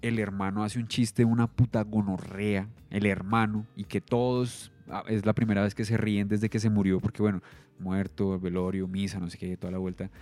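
A man's voice: lowish voice, flat delivery, normal speed, a little mellow, faint music behind. A man with a Colombian accent, a comedian co-hosting a casual podcast chat, laid-back and crude with lots of slang.

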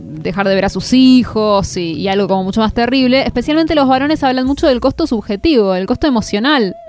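A woman's voice: fairly high pitch, a little fast, soft background music. A woman from Buenos Aires with a Rioplatense accent, chatting expressively as co-host. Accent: Rioplatense Spanish. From Buenos Aires, Argentina. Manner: lively, expressive, laughs easily. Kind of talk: casual conversation.

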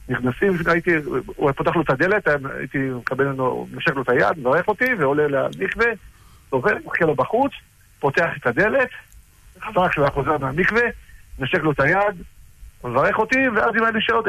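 A middle-aged man casually recounting personal stories about his rabbi, halting with frequent restarts. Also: on the high side, pushed and bright, no echo, rough recording. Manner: halting, with many restarts and fillers. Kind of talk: casual storytelling.

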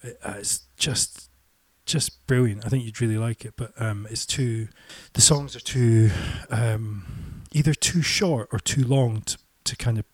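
A man's voice: mid-range voice, unhurried, few pauses, dry recording. A man chatting casually as a podcast co-host, hesitant and often circling back to rephrase his thought. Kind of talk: casual chat.

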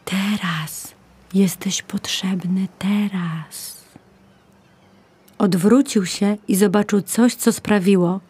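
Slow, mellow woman reading a story. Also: mid-range voice, no room sound. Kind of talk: scripted children's story narration.

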